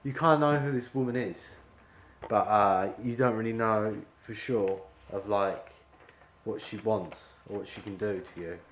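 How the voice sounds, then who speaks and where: A man's voice: on the low side, slight background noise. A man directing an actor at an audition, rambling and full of fillers as he explains the scene. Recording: echoey room with faint ambience.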